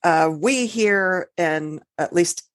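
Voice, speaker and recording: Lower-voiced woman, chatty and dry. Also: takes it slowly, dry recording. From Georgia, US. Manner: chatty, explains at length, laughs often. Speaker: podcast co-host. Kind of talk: casual chat. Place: recording apart from her co-host.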